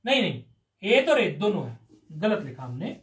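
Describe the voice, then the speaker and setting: A man's voice: high-pitched, sing-song, normal speed, fairly bright tone. A man teaching Sanskrit grammar in a live class, explaining patiently step by step and asking his students questions. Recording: roomy echoey room.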